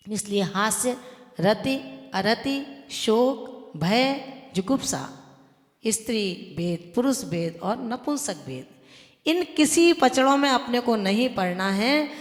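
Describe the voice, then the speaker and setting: A woman, a Jain nun, giving an earnest devotional sermon that exhorts listeners and explains with everyday examples. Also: medium pitch. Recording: echoey hall with long reverb.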